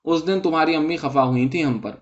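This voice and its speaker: A man's voice: on the high side, lightly acted. A man voicing a proud, touchy seven-year-old girl who makes demands, in a dull lo-fi recording. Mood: pouty. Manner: pouty, demanding.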